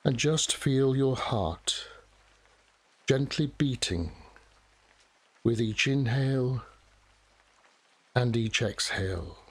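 Slow, soft-spoken man guiding meditation. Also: medium pitch, husky. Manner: soft, soothing, measured delivery with long pauses. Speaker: guided meditation narrator. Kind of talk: guided relaxation meditation narration. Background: steady rain.

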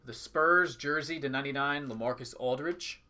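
A man hosts a live trading card break indoors at a tabletop with a display backdrop, calling out items in short, clipped announcing phrases. His medium-pitched voice is bright and forceful, at a moderate pace.

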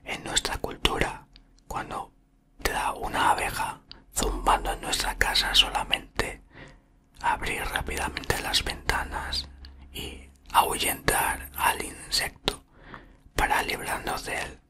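Breathy whispering man, very close up. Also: sharp tone. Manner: slow, halting murmur close to the microphone. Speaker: ASMR content creator. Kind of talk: whispered ASMR reading from a book. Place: small room indoors. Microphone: desktop condenser microphone, very close.

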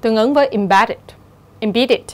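A woman teacher with a Vietnamese accent, explaining exam answers step by step and reading English example words slowly. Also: a little high. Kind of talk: exam-prep lecture.

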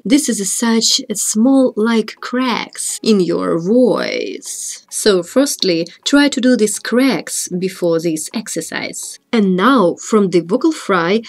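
A woman vocal coach calmly guiding students step by step through vocal exercises. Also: medium pitch. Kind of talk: vocal lesson instruction.

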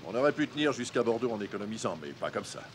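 Brisk, dutiful ship's crewman. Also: on the low side, sing-song, background noise. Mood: concerned. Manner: respectful, matter-of-fact. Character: plain-spoken, dutiful middle-aged male ship's crewman. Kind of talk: French-language film dub.

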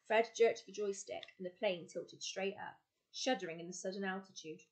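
A woman's voice: mid-range voice, moderate pace. Woman teacher reading a storybook aloud. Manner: steady narration with small self-corrections. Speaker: teacher reading a children's novel.

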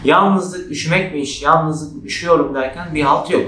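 Male teacher, lively, slightly high voice, echoey classroom sound. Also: moderate pace, slight background noise. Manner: lively, acts out example shouts with raised pitch. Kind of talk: exam-prep grammar lesson. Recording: echoey room.

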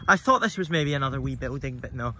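A man's voice: mid-range voice, animated, quick pace, bright, forceful tone, slight background noise. A young man giving a nervous walking commentary as he explores an abandoned building, talking to himself into a handheld phone. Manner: jumpy, muttering to himself, easily spooked. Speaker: urban explorer vlogger. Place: outdoors and in a derelict building.

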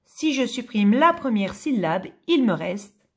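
A woman teacher giving a slow phonics lesson to young children, carefully sounding out and repeating each word. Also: on the high side, sing-song, slightly rough.

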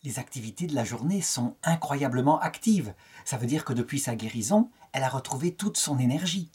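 A man's voice: medium pitch, animated, brisk, darkish tone, husky. A middle-aged French man giving a spoken lecture on a saint's life, telling it as a story and lifting his tone to quote the people in it. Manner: storytelling, quotes dialogue with lifted tone.

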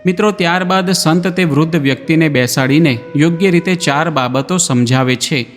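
A man narrating a scripted moral story in a measured tone, addressing listeners as friends. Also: fairly high pitch. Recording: long reverb, background music.

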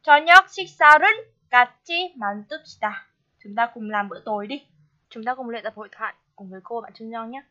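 A woman's voice: fairly high pitch, very fast, bright, forceful tone, lo-fi sound. A woman teaching a language course, patiently explaining grammar and asking her students check questions.

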